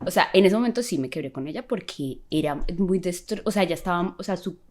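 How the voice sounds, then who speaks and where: Young woman, lowish voice, casual and animated storyteller who acts out the other voices. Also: brisk, a loud crowd. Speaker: podcast guest sharing a testimony.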